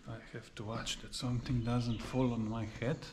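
A travel vlogger in his thirties, originally from former Yugoslavia with Serbo-Croatian as his first language, narrates calmly in slightly non-native English as he explores. He films himself on an action camera held at arm's length, starting outdoors in a park and then moving inside an empty abandoned mansion. His mid-range voice moves at a moderate pace over background noise in this casual walking tour.

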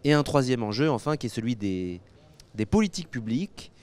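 With a handheld microphone at a convention interview set, a man in his thirties from France answers analytically as an academic geographer. His mid-range voice is very animated, clear and resonant with a darkish tone, yet his speech is halting and measured, broken by frequent pauses and repeated words.

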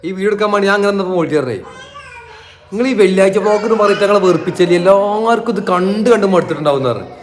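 A man's voice: sits high, very fast, slight background noise. A man with a Malabar Malayalam accent, chatting casually to camera as a family vlogger and joking with viewers. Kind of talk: casual vlog chat to camera.

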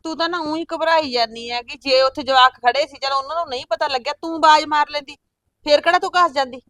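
A middle-aged woman playing a patient older sister and farm-living mother who keeps calming her sibling down. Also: sits high, quick pace, no room sound. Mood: placating. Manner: soothing, placating, often asks back "huh?". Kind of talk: village family drama acting.

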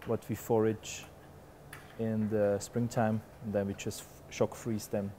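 A man's voice: fairly low pitch, a little slow. Chef guy, 40s, explaining his dish in a big kitchen, lots of uh's, light background hum. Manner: relaxed, explanatory, frequent "uh" fillers. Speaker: head chef. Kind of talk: explaining a dish while cooking. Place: large restaurant kitchen. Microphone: lapel.

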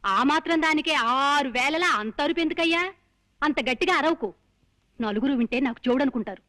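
A woman's voice: high-pitched, expressive, a little fast, pushed and bright. An actress playing an older mother who frets and scolds about her children's futures. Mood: fretful. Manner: scolding, fretful. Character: worried older mother of marriageable daughters.

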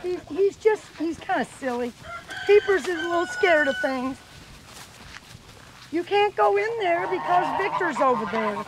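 A woman's voice: expressive, measured pace. A woman, chatting casually on her farm and cooing at her birds. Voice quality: hoarse. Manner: chatty, coos high at animals. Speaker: farm vlogger. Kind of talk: casual farm vlog narration. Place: outdoor farmyard. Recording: noisy outdoor farm, chickens clucking. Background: chickens and rooster.

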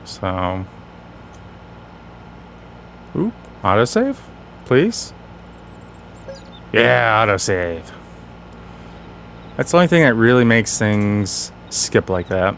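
A man's voice: fairly low pitch, takes it slowly, fairly bright tone, a little hiss or hum. A man hosting casual game commentary, talking slightly off as he guards a sore, bitten tongue. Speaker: gaming channel host.

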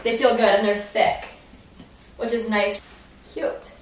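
A young woman in her twenties talks straight to a phone camera in a bubbly, chatty vlog voice. Her voice sits a little high, and the phone picks up plenty of steady background noise around her. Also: takes it slowly. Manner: chatty and upbeat, heavy use of "like" and "so cute". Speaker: vlogger. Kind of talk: casual vlog narration.

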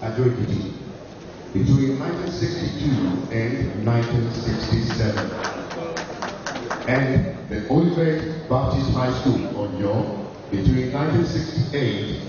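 A man with a Nigerian accent, formally reading out a biography as master of ceremonies in a measured way. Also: mid-range voice, lively intonation, over music. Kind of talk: formal ceremonial announcement, read aloud. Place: large indoor ceremony hall with audience. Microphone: public address picked up from a distance. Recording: echoey hall PA from far off, dull, noisy.

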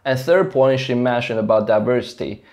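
A young adult man from China, a software engineer vlogger, speaks English as a second language with a Mandarin Chinese accent. His mid-range, darkish voice moves at a moderate pace as he earnestly explains his work to camera, full of fillers and restarts. He's in a small plain indoor room, recorded on a lapel mic with the camera in front.

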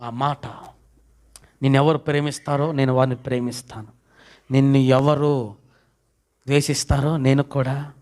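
A man's voice: medium pitch, level tone, moderate pace, long pauses, darkish tone. A man preaching a sermon in a dramatic manner, asking rhetorical questions and acting out the voices of Bible figures. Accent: Telugu. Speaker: pastor. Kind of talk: Telugu sermon.

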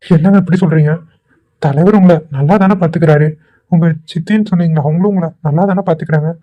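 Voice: mid-range voice, highs cut off, lightly acted. A performer voicing a kind, worried young man in a cartoon, talking anxiously and pleading. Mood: concerned. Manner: anxious, pleading, talks quickly. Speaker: cartoon character. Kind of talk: Tweencraft cartoon voice acting.

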